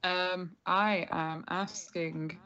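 A woman's voice: lowish voice, fairly even intonation, extremely slow, bright, forceful tone. A woman playing a tabletop game, chatty and hesitant with frequent giggles. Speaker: player. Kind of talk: casual tabletop role-play. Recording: dull lo-fi stream audio.

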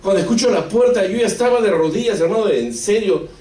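Speaking quickly and with animation, an Argentine man with a high-pitched, warm voice shares an emotional testimony in a sermon. He has an Argentine Spanish accent, keeps addressing listeners as "brother," and asks the audience rhetorical questions. The recording sounds echoey, with the mic set far off.

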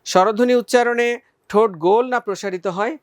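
A man teaching a recorded school lesson, patiently asking questions and then answering them, and sounding out vowels slowly for his students. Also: very high-pitched, fairly even intonation, clean tone, no room sound, clean studio sound. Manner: patient, addresses students as friends, asks and answers own questions.

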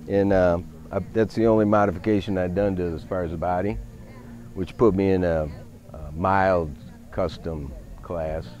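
A man in his fifties, talking casually outdoors at a show field, relaxed and full of fillers. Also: deep voice, lo-fi sound. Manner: easygoing, many fillers, technical car talk. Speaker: van owner. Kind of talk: casual interview.

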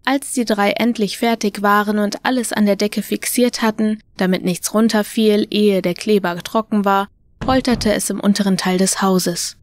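A woman narrating a horror audiobook in a calm, even storytelling manner. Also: medium pitch, normal speed.

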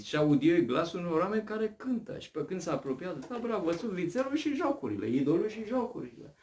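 A man preaching a sermon, asking rhetorical questions and swinging between loud and hushed speech. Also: high-pitched.

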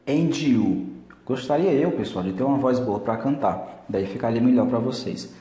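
A man's voice: mid-range voice, normal speed, dark tone. A man teaching English pronunciation, patiently repeating words and reciting song lyrics. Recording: echoey room.

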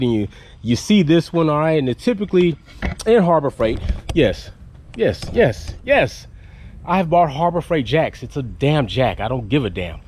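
A car channel host in his thirties films a casual product review vlog in a driveway, holding the camera at arm's length. He talks bluntly and animatedly, swearing casually, in a mid-range, darkish voice with slight background noise.

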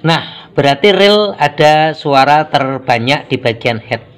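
A man's voice: on the high side, animated, a little slow, loud music behind the voice. A man, a mechanic giving a casual hands-on workshop tutorial and explaining each step as he works. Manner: casual, explanatory, mixes in Javanese words. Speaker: motorcycle mechanic. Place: motorcycle workshop.

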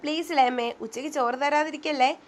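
Teasing young husband, bantering and mock-stern, high-voiced, read by a woman storyteller. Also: steady tone, fairly quick, close to an everyday voice. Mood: playful.

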